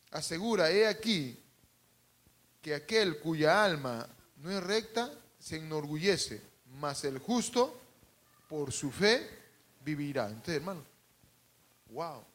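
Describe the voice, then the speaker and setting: A man preaching a sermon to a congregation, calling out for responses, adding humorous asides, and swinging between loud and hushed. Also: on the high side. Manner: calls out to the congregation and asks for responses. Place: church service.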